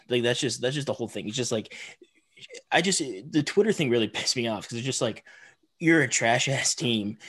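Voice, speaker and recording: A man's voice: medium pitch, a bit bright. A young man co-hosting a sports podcast, ranting heatedly in casual chat and swearing often. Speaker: podcast co-host.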